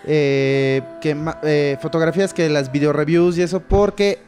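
A man's voice: a little high, fairly even intonation, normal speed, a little mellow, soft background music. Laid-back Mexican man, slangy toy chat. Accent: Mexican Spanish. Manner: slangy, laid-back, says "güey" constantly. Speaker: podcast co-host. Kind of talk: casual chat.

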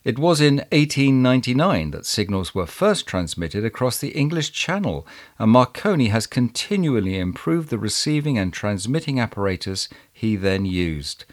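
A man hosting a podcast, reading historical documents aloud in a measured, expressive way. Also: medium pitch. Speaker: podcast host and reader.

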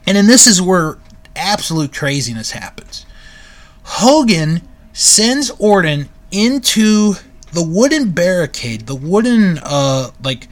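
A man giving a casual, relaxed recap of a video, often correcting himself and filling pauses with "um" and "uh.". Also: sits high. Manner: relaxed, self-correcting with frequent fillers. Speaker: video reviewer.

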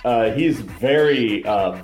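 A man's voice: medium pitch, slow pace, soft background music. A man co-hosting a podcast, chatting casually about a movie and acting out quotes as he retells scenes. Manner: animated retelling, acts out quotes. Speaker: podcast co-host. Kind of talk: casual movie review chat. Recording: roomy echo.

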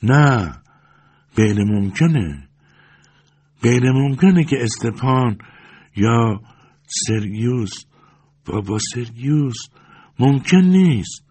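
Brief: man doing a humble, flustered old woman in an audiobook, husky and high, full of pleading exclamations. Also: lively intonation, pauses often, darkish tone. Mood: disbelieving. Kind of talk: audiobook character reading.

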